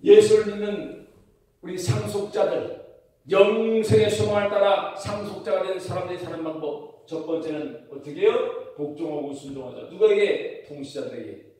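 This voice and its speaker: A male pastor preaching a sermon in a church, asking the congregation questions and building to loud emphatic declarations. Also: high voice, moderate pace. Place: church sanctuary. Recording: very echoey church hall, mic far off.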